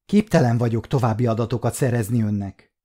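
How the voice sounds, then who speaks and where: A man voicing a timid, easily shaken alien interrogator who speaks in a quiet, formal, subdued way, in a storybook reading. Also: mid-range voice, natural voice.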